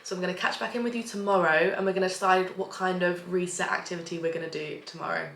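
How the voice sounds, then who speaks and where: A young woman chats in a casual daily vlog from her flat, her fairly low voice moving fast with fairly even intonation and a slightly bright edge, nasal from allergies. She's a vlogger and personal trainer who comes across bubbly, rambling and self-deprecating. The audio is roomy and distant, with faint home ambience and a little hiss or hum.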